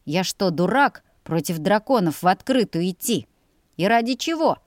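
A woman's voice: medium pitch, expressive, normal speed, dry recording, studio quality, lightly acted. A woman voicing a crude, greedy teenage older brother who sneers and threatens. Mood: scornful. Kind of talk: audiobook character voice.

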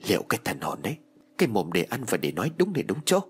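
A man's voice: medium pitch, very animated, fast, husky. A man voicing a domineering wealthy old matriarch with a cold, commanding manner. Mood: menacing.

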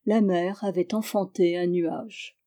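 A woman reading a novel aloud in a measured, descriptive narration. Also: on the low side, steady tone, mellow. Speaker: audiobook reader. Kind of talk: literary narration.

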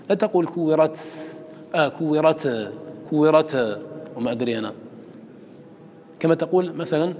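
A man teaching a recitation class, asking his students questions and sounding out letters slowly. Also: on the high side, darkish tone, big-room sound, a little hiss or hum. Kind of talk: classroom lesson.

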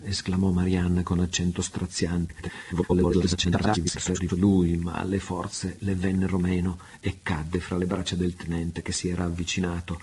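A man reads a classic novel aloud in a measured, unhurried way. His voice sits very low and has a husky texture. The reading stays flat, with little rise and fall. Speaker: reader. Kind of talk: audiobook narration.

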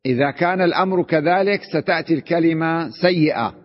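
A man's voice: fairly high pitch, a little fast, in a large hall, muffled recording. A man, a sheikh, teaching an Arabic grammar class, explaining patiently and often checking with his students that they follow. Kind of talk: classroom lesson.

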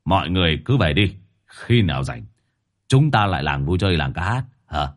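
A man doing a gruff, grumbling old fortune-teller. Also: fairly low pitch, big pitch swings, moderate pace.

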